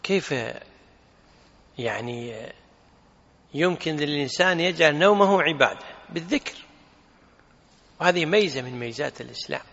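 A man's voice: fairly high pitch, lively intonation, moderate pace, pauses often, fairly bright tone. Emphatic male teacher in an echoing hall. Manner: emphatic, asks rhetorical questions. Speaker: religious teacher. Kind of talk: explaining a religious text. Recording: reverberant hall, dull lo-fi sound.

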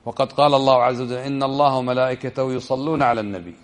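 A man giving a religious lesson, explaining step by step and checking the listeners with quick questions, slowing down over quoted verses. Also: mid-range voice, steady tone. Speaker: religious teacher.

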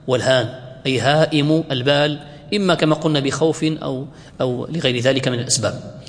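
A man teaching Arabic word forms to a class. He asks the class questions and answers them himself, and he slows right down to spell out each form. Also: on the high side, in a large hall. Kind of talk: classroom lecture.

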